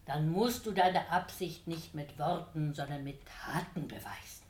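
A woman voicing a stern, cautious elderly male Pope in a read-aloud story, speaking in a lowered, measured voice. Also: reverberant, recorded from a distance. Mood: fatherly.

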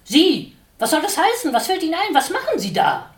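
A woman putting on a furious little starling housewife, shrieking high and loud, her voice leaping up and down in indignation. She sounds set back from the microphone in a roomy space that rings around her. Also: huge pitch swings, brisk, heavily acted. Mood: outraged. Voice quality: shrill, scolding. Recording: roomy, distant mic.

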